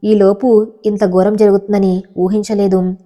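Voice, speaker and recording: A woman's voice: medium pitch, little pitch movement, a little slow, dark tone, natural voice. Woman reading as an earnest young man in love. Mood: pained. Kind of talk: storybook dialogue reading.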